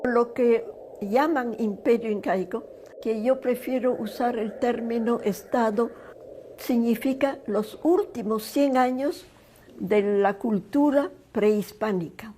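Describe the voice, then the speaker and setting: A woman's voice: on the high side, slow, dark tone, slight background noise. A woman historian explaining things thoughtfully in an interview, with small hesitations.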